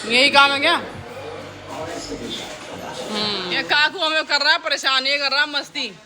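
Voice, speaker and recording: High-voiced woman vlogging, noisy. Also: unhurried. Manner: teasing, lively, laughing scolding. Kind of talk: casual family vlog. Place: outdoors and at home with family.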